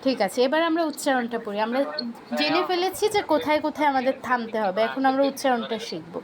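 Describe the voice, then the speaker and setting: A woman teaching an online class, slowly chanting verses to drill pronunciation and patiently quizzing her students with corrective questions over a video call. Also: high-pitched, animated, crowd noise.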